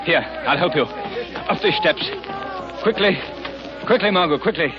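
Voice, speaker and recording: An actor playing a stern, commanding crime-fighting avenger with theatrical, emphatic delivery in a 1930s radio drama. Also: male voice, on the high side, unhurried, over music, crowd noise, lightly acted. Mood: urgent, rallying. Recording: scratchy muffled 1930s radio recording.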